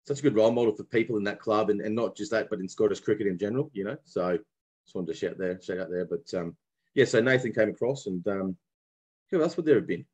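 Husky and lowish, this young Brisbane man talks at a quick pace with an Australian accent. As a podcast guest and former pro cricketer, he spins casual stories peppered with mateship slang and lots of restarts.

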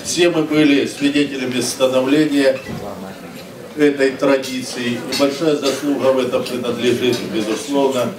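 An older man gives a ceremonial address in measured, oratorical phrases. His voice is picked up from a distance in an echoing room with audible crowd noise. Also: medium pitch, level tone. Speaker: regional government official. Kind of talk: formal ceremonial speech. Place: large indoor stage at a banquet. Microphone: far camera recording amplified speech. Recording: echoey hall from far off, crowd noise.

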